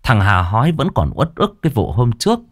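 A man's voice: medium pitch, huge pitch swings, fairly quick, no room sound, clean studio sound. A man reading a ghost story aloud with dramatic, suspenseful delivery. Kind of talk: scripted ghost story narration.

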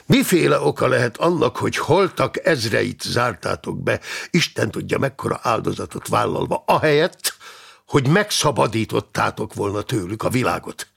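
A man's voice: mid-range voice, expressive, creaky, fairly bright tone, breathy edge, heavily acted. A man voicing a hard-bitten knight who speaks sharply and with command. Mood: angry. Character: hard-bitten male knight, angry, then cold.

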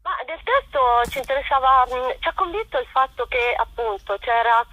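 Over a tinny, muffled telephone line with echo, a woman who is a theater author and actress hesitantly explains her work as a guest in a spontaneous phone interview. Her high-pitched voice is animated, pushed and bright, at normal speed.

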